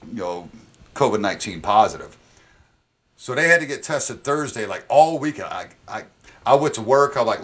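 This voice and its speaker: Animated, swearing man hosting a podcast. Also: mid-range voice. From upstate New York. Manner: animated, profane, acts out quotes. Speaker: podcast host. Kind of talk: casual chat, storytelling.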